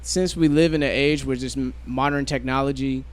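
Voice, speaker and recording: A man's voice: mid-range voice, fairly even intonation, normal speed. A young man chatting casually on a podcast, telling stories with playful impressions. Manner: laid-back storyteller, slips into playful impressions. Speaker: podcast co-host. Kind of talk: casual chat.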